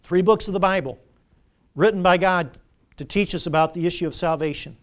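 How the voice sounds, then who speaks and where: A man's voice: high voice, fairly quick. A middle-aged man preaching a sermon, asking the congregation questions and repeating key phrases.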